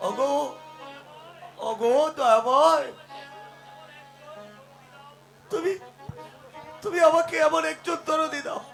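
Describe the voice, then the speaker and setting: A wounded fugitive father, desperate and gasping, in Bengali jatra melodrama. His very high voice drags slowly through halting, repeated words and groans. Faint music plays behind him. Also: vocal fry, fairly bright tone, exaggerated voice, poor audio. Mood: anguished pleading.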